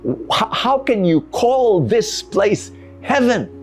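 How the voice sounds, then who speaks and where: This is a selfish man in a spoken parable voiced by a male preacher, his voice leaping up high as he stammers out wish after wish. He sounds demanding and eager, and his pitch swings widely while he talks. Soft guitar music plays faintly underneath. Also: sing-song, slow pace, heavily acted. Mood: bored, miserable. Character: selfish greedy man, excitable then desperate.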